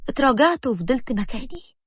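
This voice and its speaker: A woman's voice: high-pitched, sing-song, fast talker, husky, dry recording, clean studio sound. A woman with an Egyptian accent telling a dramatic first-person story. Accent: Egyptian Arabic.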